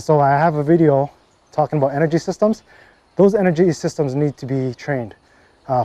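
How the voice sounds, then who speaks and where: A man giving casual workout instruction as a fitness coach, relaxed and full of fillers and "okay, right?" check-ins. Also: mid-range voice, no room sound. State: briefly out of breath after a set.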